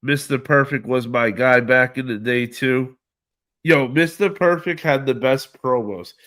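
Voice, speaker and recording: A man hosts a casual live stream, reading out viewer comments and answering each one in loose, slangy talk. He speaks at an unhurried, drawn-out pace. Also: mid-range voice, fairly bright tone. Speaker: livestream host reading chat.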